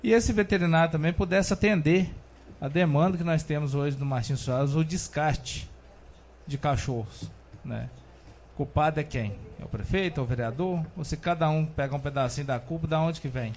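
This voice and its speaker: A man's voice: on the high side, moderate pace, a little mellow, slight background noise. A man addressing a council chamber, greeting colleagues formally and speaking plainly. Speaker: city councilman. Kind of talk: council floor speech.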